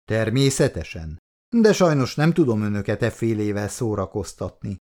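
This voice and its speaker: A man voicing Kuti, a smooth-talking male painter who flatters his buyers and speaks with a pompous air. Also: lowish voice, natural voice.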